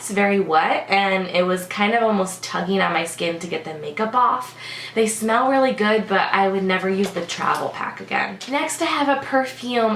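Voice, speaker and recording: Her pitch runs on the high side and a bit bright, and the room sounds spacious. She's a beauty vlogger with a stuffy, under-the-weather voice, talking chattily through a product review full of "like" and "um" fillers.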